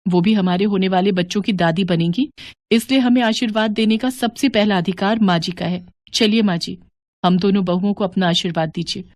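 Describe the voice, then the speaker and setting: A woman voicing a kind young daughter-in-law who speaks respectfully and gently. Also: mid-range voice, fairly even intonation, fairly quick, no echo, close to an everyday voice.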